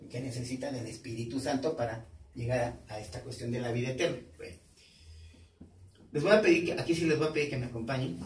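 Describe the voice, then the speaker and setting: A man's voice: mid-range voice, fast, slight background noise. A male pastor teaching a sermon, quizzing the congregation with questions and repeating key words. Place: church hall. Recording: echoey hall, voice from far off.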